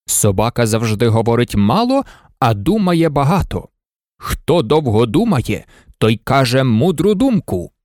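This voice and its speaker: A man voicing a calm, solemn older toy chief in a storybook, speaking slowly and gravely. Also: mid-range voice, no room sound, clean studio sound.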